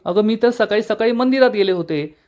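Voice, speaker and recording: A man's voice: sits high, brisk, darkish tone, voice pushed up, close to an everyday voice. A man voicing a playful middle-aged mother in a spoken serial recap, with a light coaxing manner. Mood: teasing.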